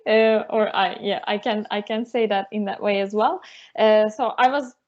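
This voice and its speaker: In a casual call interview, a Turkish university lecturer in her thirties, there as a guest, answers in Turkish-accented English full of fillers and restarts. She speaks at normal speed in a mid-range voice with a steady tone, and the audio is dull.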